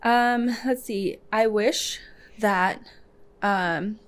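A woman in a casual podcast conversation, speaking as a guest hairstylist. She talks loosely and warmly enough to laugh between phrases, with plenty of "like" fillers. Her pitch is ordinary middle height. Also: extremely slow, smooth. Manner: chatty, laughs often, many "like" fillers. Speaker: hairstylist and salon owner, guest.

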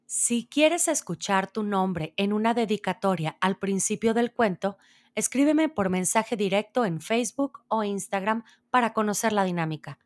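A woman storyteller narrating a children's fairy tale in a measured, expressive reading voice. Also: medium pitch.

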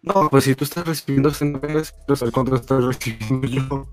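A young Mexican man talks in a mid-pitched voice, casual and slangy, as on a stream with friends. He swears now and then, and faint guitar music plays behind him. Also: fast talker, a little mellow. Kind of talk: casual chat on a livestream.

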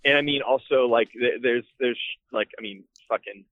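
A man's voice: medium pitch, fairly even intonation, normal speed, no room sound. Guy on an old flip phone call, tinny dry line, laid-back, swears a lot. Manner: laid-back, swears freely, many fillers. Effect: heard over an old flip phone call. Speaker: guest calling in by phone. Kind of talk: casual chat.

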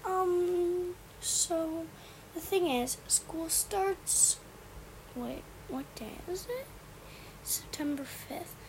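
A woman's voice: extremely high pitch, drawn-out words, rough recording. A young, school-age female host chatting casually and hesitantly, often correcting herself. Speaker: podcast host. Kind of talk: casual rambling chat. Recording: loud fan noise behind voice. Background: fan hum.

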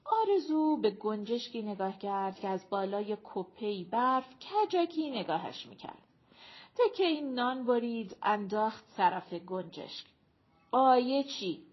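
A woman reading an audiobook aloud with expressive, measured storytelling. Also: mid-range voice, breathy edge. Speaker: audiobook narrator. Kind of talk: scripted narration. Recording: muffled lo-fi recording.

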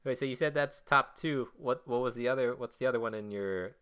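Bright-voiced young man, casual chat. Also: mid-range voice, fairly quick, smooth. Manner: rambling, hesitant, with many restarts.

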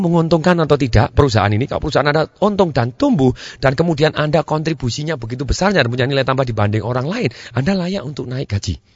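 A man's voice: a little high, no echo. A man giving a motivational talk on careers and pay, acting out conversations with his boss as he goes. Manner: energetic, acts out dialogues with bosses. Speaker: career and money management speaker. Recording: dull, lo-fi recording.

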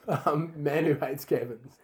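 A man co-hosting a casual comedy chat, a little tipsy from wine, pitching a ridiculous movie idea with mock seriousness and frequent laughter. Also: measured pace. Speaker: podcast co-host.

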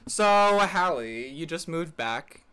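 A man's voice: on the high side, lively intonation, slow pace, pushed and bright, clear, resonant tone. Sassy young man co-hosting a chat podcast. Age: 20s. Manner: sassy, playful, heavy on slang. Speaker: podcast co-host. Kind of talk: casual chat.

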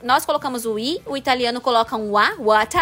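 A woman's voice: a little high, fast talker, sharp tone. A Brazilian woman who teaches English, laying out her reasoning earnestly in a casual chat. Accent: Brazilian Portuguese.

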